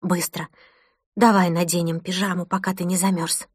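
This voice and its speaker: Harried young mum, brisk and scolding, close dry sound, as a woman narrator puts her on. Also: on the low side, level tone, husky, no room sound. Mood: soft. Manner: brisk, scolding, then soft and soothing. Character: harried young mother, brisk and guilt-prone.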